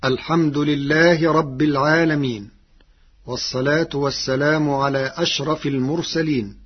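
A man presenting a lesson on recitation variants in a measured way, chanting the quoted verses more loudly than his explanations. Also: a little high, steady tone, husky. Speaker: presenter of a Quran reading lesson. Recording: dull lo-fi recording.

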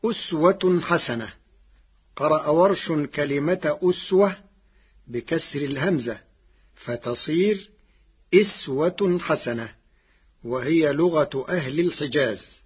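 Guy explaining quran readings, slow and careful, kinda husky, bit higher voice. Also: highs cut off. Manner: slow, deliberate, measured explanation. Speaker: Quran recitation teacher. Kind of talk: scripted explanatory lecture.

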